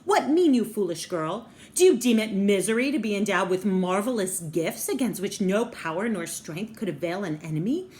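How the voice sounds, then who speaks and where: A woman voicing a proud, scornful older scientist father who booms rhetorical questions at his daughter. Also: lively intonation, moderate pace, few pauses, darkish tone, natural voice.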